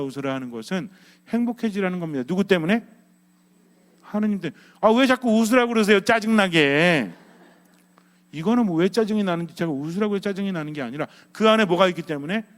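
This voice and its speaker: High-voiced priest preaching in a reverberant hall. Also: male voice. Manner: asks the congregation questions and acts out everyday quarrels. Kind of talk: lively sermon.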